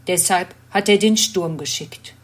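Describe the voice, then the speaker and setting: Storybook prophet, a grown man, stubborn and sulky, read by a woman, unhurried. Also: fairly low pitch. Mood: remorseful. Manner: slow, earnest read-aloud delivery. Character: reluctant adult male prophet, stubborn and sulky.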